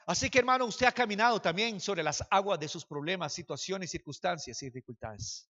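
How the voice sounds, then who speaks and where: A man preaching a sermon to a congregation as pastor, swinging from quiet speech to impassioned shouting and calling on listeners to repeat after him and raise their hands. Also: high voice, expressive, brisk, in a large hall, lo-fi sound. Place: church hall.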